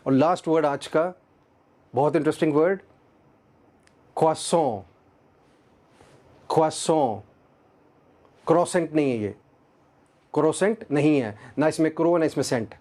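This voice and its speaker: Male English teacher, slightly raised pitch, slow, deliberate drilling of words. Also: mellow. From Pakistan. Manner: repeats words slowly and deliberately. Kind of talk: pronunciation lesson.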